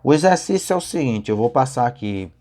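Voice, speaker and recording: A man with a Brazilian Portuguese accent teaches English grammar in a patient, step-by-step way. He keeps checking in with his students as he goes, and his voice sits at an ordinary middle pitch. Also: expressive, a little fast, dark tone. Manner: patient, checks in often with "certo?" and "ó".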